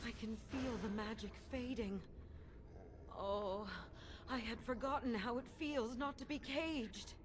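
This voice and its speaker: A woman voicing a sly, possessive demon in a video game, with slow theatrical villain menace. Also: a little high, close to an everyday voice. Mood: sly relish. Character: sly possessive female demon in cat form. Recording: noisy game audio capture.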